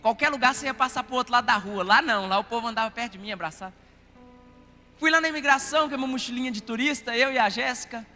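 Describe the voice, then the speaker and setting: A man's voice: very high-pitched, quick pace. A Brazilian man preaching as a pastor, telling a story and calling the congregation "querido" and for amens. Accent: Brazilian Portuguese. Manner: animated, addresses listeners as "querido" and calls for amens. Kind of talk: storytelling sermon. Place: church hall. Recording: reverberant church hall with faint music.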